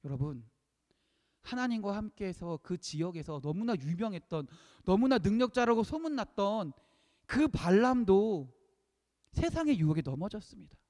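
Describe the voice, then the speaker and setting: A man preaching a sermon, emphatic, repeating key phrases and swinging between loud peaks and hushed lines. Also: sits high, very animated, moderate pace. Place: church sanctuary. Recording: long reverb of a church hall.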